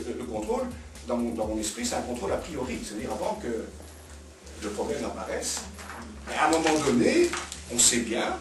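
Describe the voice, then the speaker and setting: At a round-table political debate, a man of medium pitch speaks as the invited expert, offering spontaneous argued commentary. He sets out his points didactically and repeats words for emphasis. The recording, from a roomy indoor cafeteria, is echoey and distant-miked, with music behind.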